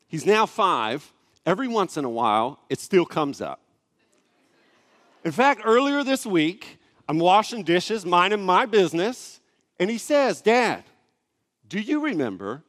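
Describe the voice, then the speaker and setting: A man in his thirties preaching a sermon, telling a family story in a relaxed, conversational way with asides to the congregation. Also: on the high side. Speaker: pastor. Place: church sanctuary. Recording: long church hall reverb.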